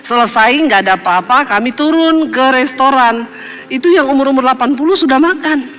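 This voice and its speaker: A woman pastor preaching a sermon, telling a lively story and acting out the voices of the people in it. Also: sits high, brisk. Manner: animated, acts out quoted voices.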